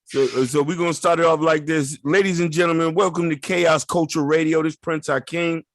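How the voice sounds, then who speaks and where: A middle-aged man hosts a casual interview, easing into his questions with loose, slangy talk. His voice sits a little on the high side for a man and sounds dry and close to the mic. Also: no room sound. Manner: relaxed, drawn-out slangy delivery. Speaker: radio show host.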